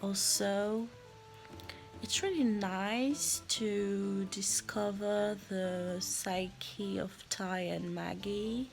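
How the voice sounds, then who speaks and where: A young woman speaks very slowly, in a relaxed, casual reading-vlog way. Her voice has a gravelly, creaky edge, and she often pauses to think aloud. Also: mid-range voice, faint music behind. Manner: slow, unhurried, thinking aloud. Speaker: book vlogger. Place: in her bed at home.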